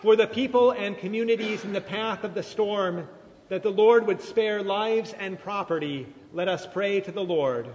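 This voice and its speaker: A man leading formal church liturgy as pastor, solemn and measured, his voice ringing with cathedral-like echo in a large church. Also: high-pitched, a little mellow, dull audio. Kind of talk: formal liturgical prayer recitation. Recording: long church reverb, cathedral-like echo, faint noise.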